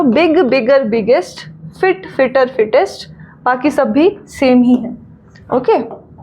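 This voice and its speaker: An Indian woman teaching grammar, reading rules slowly in English, then explaining in Hindi and asking checking questions. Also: sits high, darkish tone, highs cut off.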